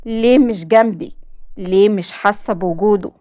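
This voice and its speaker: A young woman with an Egyptian accent tells a dramatic story in the first person, her delivery emotional and heartfelt. Her pitch sits in a middle range for a woman. The recording is dry and close, with no room sound. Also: normal speed, warm tone, dry recording. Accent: Egyptian Arabic.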